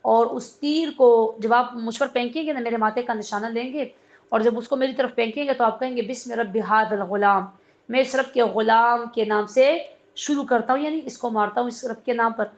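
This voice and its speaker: Higher-voiced woman teaching a religious lesson, lo-fi. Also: fairly even intonation. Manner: storytelling, explains terms as she goes. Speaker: Quran teacher. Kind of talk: religious lesson explaining a surah. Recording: dull lo-fi recording.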